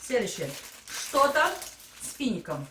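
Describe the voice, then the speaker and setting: A woman's voice: a little high, measured pace. A woman vlogging casually with her young child, tasting snacks and joking around. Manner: playful, jokey, animated. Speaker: vlogger, mother. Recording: echoey room, mic at a distance, faint noise.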